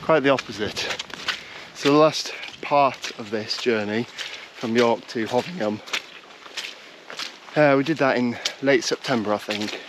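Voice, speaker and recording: A man's voice: medium pitch, unhurried, noisy background. A man in his thirties with a congested, bunged-up voice, chatting casually and self-deprecatingly to an action camera while out on a countryside walk. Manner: self-deprecating, rambling with restarts. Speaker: walking vlogger.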